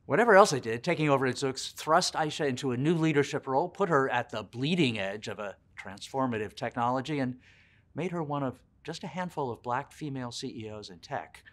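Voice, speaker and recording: A man in his sixties hosting a video interview series, opening with a scripted introduction and then asking questions in a measured way. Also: medium pitch, expressive. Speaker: interview show host. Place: indoor office lounge.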